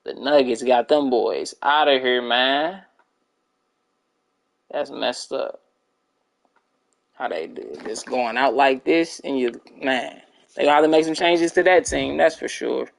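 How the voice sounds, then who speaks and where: A gravelly, medium-pitched young man streams a game, speaking at a measured pace with long pauses. He rambles in a laid-back way and addresses his chat, all on a low-quality recording.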